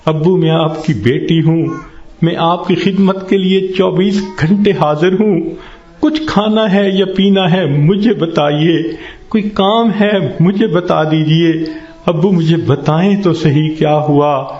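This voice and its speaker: A man's voice: on the high side, darkish tone, close to an everyday voice. A man in a sermon voicing a grieving daughter pleading with her dying father. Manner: pleading, imploring. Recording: echoey lo-fi sermon recording.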